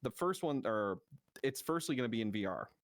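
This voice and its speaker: A man in casual chat as a guest, excitable and swearing freely. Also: medium pitch, brisk, no echo, clean studio sound. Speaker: VTuber guest.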